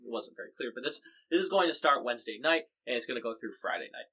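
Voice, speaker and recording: Bright-voiced American podcast host, chatty. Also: male voice, medium pitch, very animated, fast, slightly rough, low-quality recording. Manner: chatty, wry, lots of fillers and restarts. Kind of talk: casual news chat.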